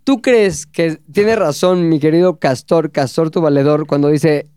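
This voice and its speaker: A Mexican man hosting a podcast in a high, smooth voice, loose and full of slang. The sound is close and dry, with no room around it. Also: a little slow, mellow, no echo. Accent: Mexican Spanish. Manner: joking, slangy, reads list aloud. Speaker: podcast host. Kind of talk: casual podcast banter. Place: small studio set.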